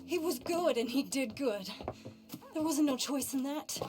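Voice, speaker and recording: An actress playing a grieving widow in a Western game, wounded, intense and accusing. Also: female voice, sits high, animated, unhurried, music in the background. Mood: bitter, accusing. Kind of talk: video game Western drama acting.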